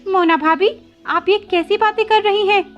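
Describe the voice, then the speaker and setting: A woman's voice: very high voice, steady tone, normal speed, a bit bright, muffled recording, faint music behind, pitched above the performer's own voice. A woman voicing a timid young female sparrow who pleads and stammers in fear. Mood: pleading.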